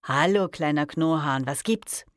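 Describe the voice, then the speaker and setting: A woman voicing a relaxed young man who teases his girlfriend fondly. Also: sits low, unhurried, no room sound, clean studio sound. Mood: easygoing. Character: easygoing young man, an affectionate boyfriend. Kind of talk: audiobook reading.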